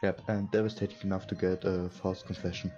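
This let's player, a young man who is not a native English speaker, voices game text and offers casual remarks from a computer in a small indoor room. He sounds low, level and dark, moving at a brisk pace. Visual novel background music plays through the muffled recording.

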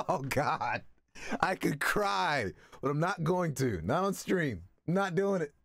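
A man's voice: fairly high pitch, wildly swooping pitch, slow, husky, dry recording, clean studio sound. A young man reacting live on stream, exuberant and slangy, often repeating himself. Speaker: streamer and voice actor reacting to video. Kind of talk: excited live reaction commentary. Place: small home studio room, indoors.

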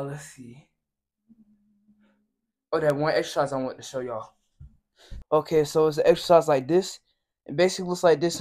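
A man filming a casual workout vlog in a gym, tired from lifting and chatting straight to his viewers. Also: a little high. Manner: relaxed, chatty, addresses viewers directly. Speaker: fitness vlogger.

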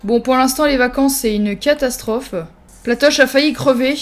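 A young woman hosting a let's-play, her voice sitting high and lively. She jokes at her game characters, teases herself, and flips into theatrical panic when things go wrong. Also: moderate pace. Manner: animated, exclamatory, mock-dramatic; teasing, self-mocking asides. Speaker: gaming video host.

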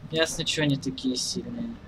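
Male gamer host, medium pitch, casual playthrough commentary, clearly noisy recording. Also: brisk. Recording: clearly noisy game sound behind.

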